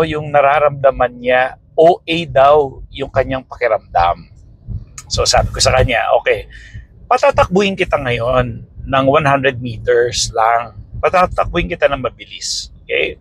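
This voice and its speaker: A man's voice: fairly high pitch, gravelly, a little hiss or hum, poor audio. A man hosting a casual health explainer talk, conversational, checking in with his listeners often. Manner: conversational, peppers with "okay?" and "no?".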